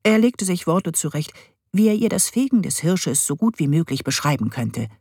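A woman reading a storybook aloud with an expressive, lively delivery. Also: on the low side, moderate pace, slightly rough, dry recording, studio quality.

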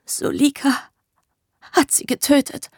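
A woman reading a story voices a distraught, guilt-ridden young woman with a raw, hoarse voice. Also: takes it slowly, dry recording, studio quality, lightly acted. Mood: anguished.

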